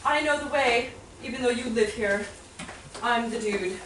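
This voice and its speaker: A woman's voice: on the high side, normal speed, noisy background, voice pushed down, natural voice. A woman playing a boastful young man in a comic live opera retelling, with a breezy, cocky manner. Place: small theater stage. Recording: echoey room, mic far off.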